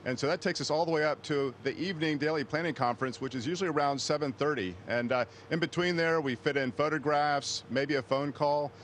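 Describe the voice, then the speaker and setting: A man's voice: fairly high pitch, a little fast, hardly any pauses. A man speaking as an astronaut, giving explanatory interview answers from inside a space station. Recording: steady hum of spacecraft machinery.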